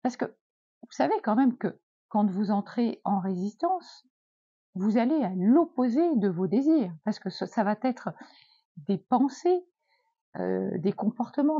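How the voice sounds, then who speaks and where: A woman giving a gentle, encouraging self-help talk as a wellness coach, with many hesitant fillers. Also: mid-range voice, slightly rough, no echo, muffled recording.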